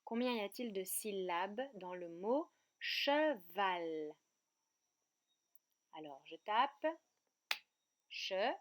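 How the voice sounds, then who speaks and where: A woman teaching a remote kindergarten lesson, speaking slowly and clearly and breaking words into syllables. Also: medium pitch. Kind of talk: remote lesson for young children. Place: outdoor terrace at night.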